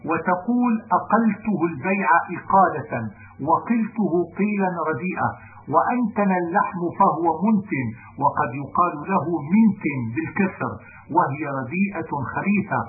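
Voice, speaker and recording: Guy reading old grammar text, measured and slow, somewhat high voice, tinny phone-like sound. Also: expressive. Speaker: reader of a classical text. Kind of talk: reading a classical Arabic grammar text aloud. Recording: narrow phone-like band with faint noise.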